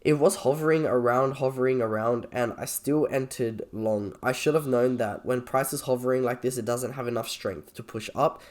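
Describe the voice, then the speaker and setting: A man with a croaky, slightly sick voice, talking informally and a little hesitantly as he reviews trades on a screen recording. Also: medium pitch, normal speed, few pauses. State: sick with a cold or cough. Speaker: trader presenting a video.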